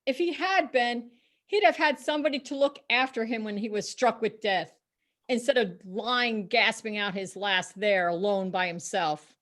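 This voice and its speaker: A brazen Victorian charwoman played by a woman in a storybook reading. Her voice sits fairly high, and she is scornful, emphatic and entirely unrepentant. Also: moderate pace, a bit bright, close to an everyday voice. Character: bold, defiant, unrepentant Victorian charwoman selling stolen goods. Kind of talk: dramatic reading of a classic story.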